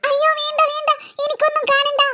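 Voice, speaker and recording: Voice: very high-pitched, fairly even intonation, fairly quick, fairly bright tone. A performer voicing a frightened young girl who pleads and stammers in panic. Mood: scared. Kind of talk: cartoon voice acting.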